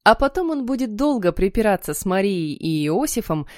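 A woman reading a children's audiobook in an animated manner, voicing each character. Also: mid-range voice, normal speed, no echo, studio quality. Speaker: audiobook reader. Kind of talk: expressive audiobook narration.

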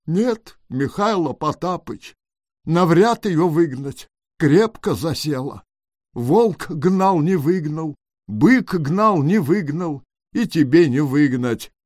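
A man doing a high weepy little hare. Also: lively intonation, slow pace, darkish tone, no room sound, studio quality. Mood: plaintive pleading. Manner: pleading, plaintive.

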